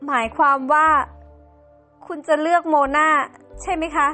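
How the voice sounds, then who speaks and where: A woman's voice: sits high, steady tone, a little slow, pushed and bright, faint music behind, pitched above the performer's own voice. Woman playing a proud, wronged wife. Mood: hurt. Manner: hurt, firm. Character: wronged middle-aged wife, proud and hurt.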